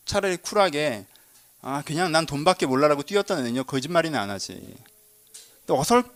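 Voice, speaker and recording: Male pastor preaching fast and casually in church, quizzing his listeners. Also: high-pitched, fairly bright tone. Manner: conversational, asks the congregation questions, jokes. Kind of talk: sermon.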